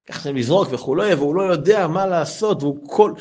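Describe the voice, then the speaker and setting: A man telling a folk tale in a lively, animated way, acting out the quoted speech. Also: a little high. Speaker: storyteller.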